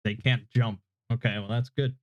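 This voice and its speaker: A laid-back guy in his thirties hosts a casual live YouTube Q&A, full of ums, unsure pauses, and self-mocking jokes. His calm, relaxing voice is medium-pitched and moves at a normal speed. The room is completely dry with no echo, and his desk mic, lacking its usual equalizer, sounds somewhat muffled.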